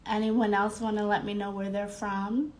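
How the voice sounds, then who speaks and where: A young woman with a mid-range, darkish voice talks at a moderate pace with flat delivery. As host of a live podcast stream, she chats casually, sounding congested and a little nasal, and bubbly greets viewers by name between fillers.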